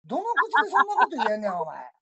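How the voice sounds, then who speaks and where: A man's voice: high voice, huge pitch swings, a crowd in the background. A man with a Kansai accent, needling and mocking someone in a heated casual argument on a stream. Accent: Kansai Japanese. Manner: mocking, needling, quick-fire taunts. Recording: dull lo-fi stream audio.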